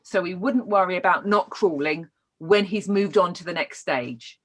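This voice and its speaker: A woman with a British accent and a fairly low-pitched voice teaches child development in an informal lesson at a moderate pace. She explains her points and checks in with her learners.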